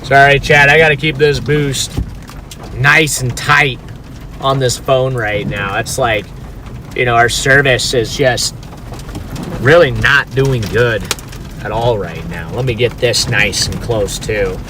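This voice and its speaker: A man's voice: mid-range voice, steady tone, takes it slowly. A man giving casual, informal livestream commentary as a storm chaser, talking to his chat from inside a car. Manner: informal, talks to chat while watching storm. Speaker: storm chaser live streamer. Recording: noisy car with outdoor ambience.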